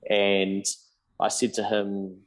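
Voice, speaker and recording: A man in his thirties with a New Zealand accent talks as a podcast guest, his voice sitting a little low. He tells his story candidly and swears casually. He slips into the voices of people he talked to as he goes. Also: monotone, takes it slowly. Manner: candid, swears casually, acts out his own past dialogue. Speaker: podcast guest, accountant and business founder.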